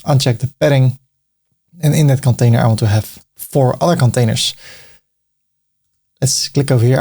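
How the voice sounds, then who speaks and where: Speaking with a Dutch accent, this middle-aged man has a gravelly, warm voice of medium pitch. His screen-recorded narration takes viewers through a web design tutorial one step at a time, in a relaxed tone with the occasional joke.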